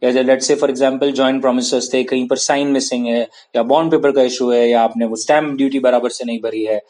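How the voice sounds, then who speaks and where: A man's voice: medium pitch, a little mellow. A man from India giving a lecture on contract law, switching between Hindi and English and often checking that his students follow. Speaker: law teacher. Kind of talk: classroom-style lecture.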